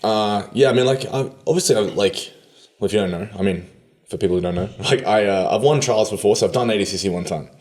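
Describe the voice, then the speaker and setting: A man with an Australian accent talks in a very low register, relaxed and slangy. He laughs easily as he chats as a podcast guest. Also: fast. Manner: laid-back, laughs often, slangy. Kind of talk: casual interview chat.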